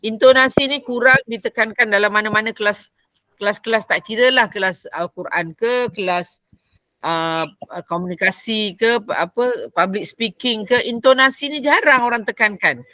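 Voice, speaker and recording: A woman's voice: fairly high pitch, normal speed, pushed and bright, no echo, low-quality recording. A woman with a Malaysian Malay accent, teaching a Quran recitation voice class in an explanatory lecture, repeating key phrases as she goes.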